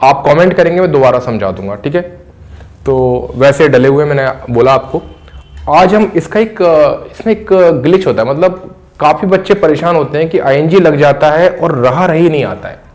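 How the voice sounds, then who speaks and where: A middle-aged man teaches English grammar in a voice that sits slightly high. He breaks phrases into single words and repeats them slowly so students can follow. He speaks into a close mic. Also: animated, darkish tone. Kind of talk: classroom grammar lesson.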